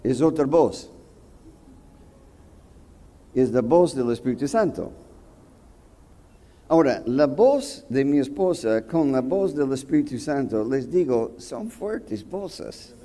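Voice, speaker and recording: A man pastor preaching a sermon, telling a personal story with acted quotes and sudden loud bursts. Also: medium pitch, animated, takes it slowly, pauses often.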